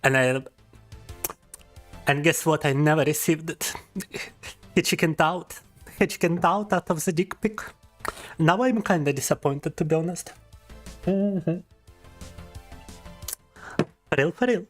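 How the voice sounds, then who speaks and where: A playful young man whose first language is Russian streams as a VTuber, chatting casually, teasing, reading chat aloud and laughing often. His voice is on the high side, slow-paced with frequent pauses, and faint music plays behind him.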